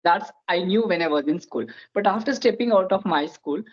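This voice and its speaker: Here a native Telugu speaker in their twenties hosts an easygoing interview, sounding sincere. The mid-range voice moves at a moderate pace with a Telugu-tinged Indian accent, the audio lacks its high end, and "so" begins many of their phrases.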